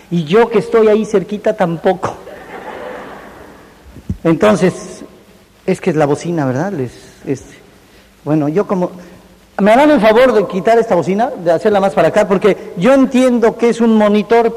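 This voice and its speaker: A man's voice: high-pitched, a little mellow. A man giving a humorous business seminar, joking and speaking directly to a live audience. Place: large hall with a live audience. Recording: reverberant hall, faint noise.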